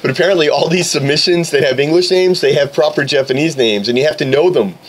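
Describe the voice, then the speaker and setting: A man talks as a guest in a radio studio, lively and full of jokes. He tells his stories in a quick, casual way. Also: fairly high pitch. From Grand Rapids, Michigan, USA. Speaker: martial arts author, studio guest. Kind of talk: casual radio talk show chat.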